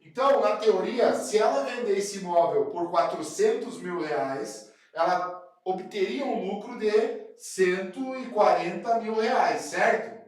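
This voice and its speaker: Despite a cold, a man from southern Brazil talks to camera about real estate deals for his fellow brokers, chatting and frequently checking in. He has a high, expressive voice with a darkish tone and a measured pace. The space around him echoes heavily.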